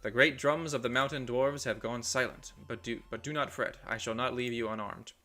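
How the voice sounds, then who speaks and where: A man's voice: medium pitch, fairly even intonation, moderate pace, sharp tone, lightly acted. A man voicing a solemn, commanding old male wizard, reading game dialogue aloud in archaic speech.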